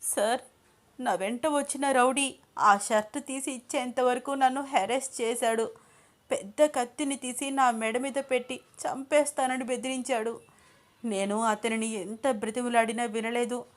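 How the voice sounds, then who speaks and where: A woman narrator doing a shaken young woman from a storybook, tearful and hesitant. She talks a little higher but softer than the storyteller's own voice, as if holding back sobs. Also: steady tone, unhurried, close to an everyday voice. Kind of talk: storybook character voice.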